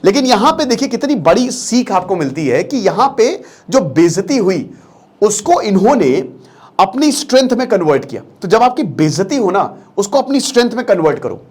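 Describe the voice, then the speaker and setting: Man, high voice, animated storyteller, live scripture retelling, speaks directly to listeners. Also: moderate pace, slightly rough. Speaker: storyteller and teacher.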